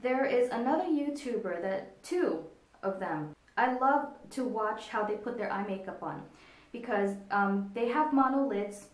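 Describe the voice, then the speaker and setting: A woman giving a casual makeup tutorial, talking in a relaxed, meandering way with frequent ums. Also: on the high side, a little slow. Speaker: makeup vlogger. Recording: echoey room.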